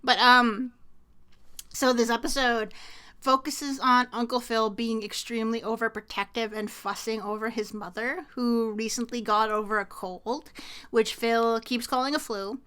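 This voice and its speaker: A woman's voice: on the high side, steady tone, a little slow, pushed and bright, clean tone. A young woman from Canada co-hosting a podcast, chatting casually with lots of fillers and laughter. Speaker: podcast co-host. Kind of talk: casual chat.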